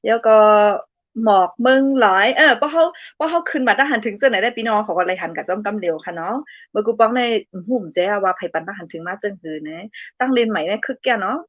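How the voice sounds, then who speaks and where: A woman's voice: medium pitch, expressive, quick pace, a bit bright, dry recording, lo-fi sound. A young woman hosting a casual live stream, reading out viewer comments in a playful, giggly way. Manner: giggly and playful, laughs often between remarks.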